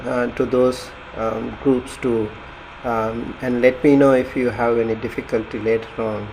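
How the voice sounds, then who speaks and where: A man talks slowly and haltingly over a video call, pausing often on fillers as he teaches an online class. His pitch sits in an ordinary middle range. A faint hum of background noise sits under his voice. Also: gravelly, rough recording. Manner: slow, hesitant with many fillers, laughs often. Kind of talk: casual online class talk.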